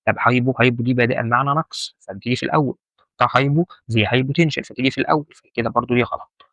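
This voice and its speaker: Rapid-fire and forceful, a medical terminology instructor with an Egyptian Arabic accent delivers a casual lesson in a bright, steady, mid-range voice. He keeps circling back to key points and asking the listener questions, recorded with no room sound.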